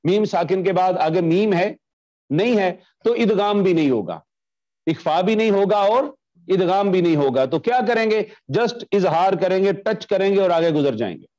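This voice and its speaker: A man's voice: high voice, darkish tone. Man teaching, dull lo-fi lecture recording. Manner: patient, repeats examples and chants phrases slowly. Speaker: teacher of Quran recitation and Arabic.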